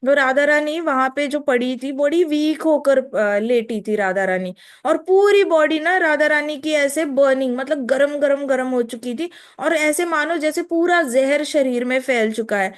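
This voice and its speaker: A woman's voice: sits high, unhurried, hardly any pauses. A woman telling a devotional story vividly, repeating phrases and mixing in English words.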